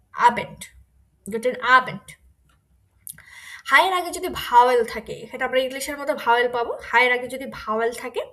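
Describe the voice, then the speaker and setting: A woman teaching German pronunciation in an online lesson, saying each example word again, louder. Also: a little high. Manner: slow, repeats example words loudly.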